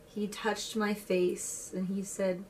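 A woman in her twenties acting a dramatic monologue as a wistful, sorrowful young woman, with a tender, halting delivery. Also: mid-range voice, little pitch movement, a little mellow, close to an everyday voice. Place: plain indoor room. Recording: distant mic, faint room noise.

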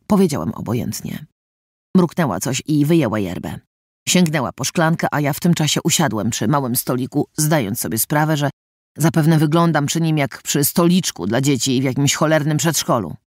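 A male audiobook narrator reading a first-person story with a lively, swinging delivery. His voice sits a little high for a man, and the studio sound is close and dry. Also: no room sound.

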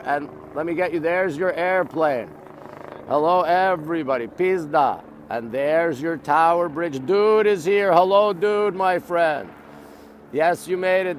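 This middle-aged man from Montreal, with a North American accent, live-streams the city's sights from the riverside, talking in brief, repetitive exclamations. His voice is a little high, and there's a slight hiss or hum in the audio.

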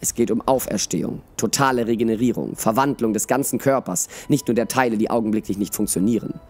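A man's voice: lowish voice, quick pace, close to an everyday voice. A man voicing a grinning young male necromancer in a read-aloud storybook, speaking in a matter-of-fact way. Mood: blunt.

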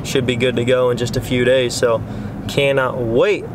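A man's voice: medium pitch, little pitch movement, normal speed. Young male vlogger, rambling car chat, dash camera, heavy road noise. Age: young adult. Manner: rambling, filler-heavy talk with lots of "you know". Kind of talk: casual vlog chat. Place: inside a car. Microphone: camera on the dashboard.

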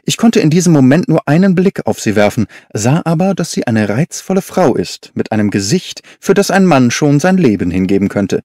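A male audiobook narrator tells the story in a lively, expressive way. His voice rises and falls a lot and sounds mellow. The studio recording is dry and close. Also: medium pitch, fairly quick, few pauses, no room sound. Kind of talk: scripted literary narration.

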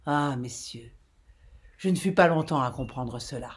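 A woman reading aloud, voicing a grave, hot-tempered old sea captain who growls and bursts into angry shouts. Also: rumbling low, unhurried. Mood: grim.

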